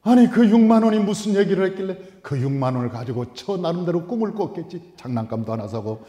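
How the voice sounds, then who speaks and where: A male pastor delivering a storytelling sermon in a church sanctuary, swinging between hushed asides and loud, emphatic outbursts. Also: high voice, animated, quick pace. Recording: echoey hall.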